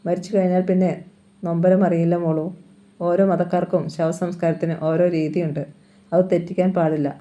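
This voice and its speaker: A storyteller reading the lines of a grieving doctor father who softly consoles his little daughter. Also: medium pitch, little pitch movement, a little fast, muffled recording, close to an everyday voice. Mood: tender, consoling. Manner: soft, consoling explanations to his child.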